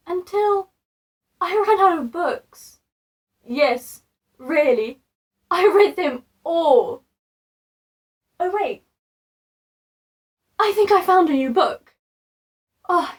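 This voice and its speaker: Here is a woman playing a bookish fairy-tale heroine in a pantomime. The voice is high and unhurried. She sounds sweet and earnest. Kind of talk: comic monologue in a family pantomime.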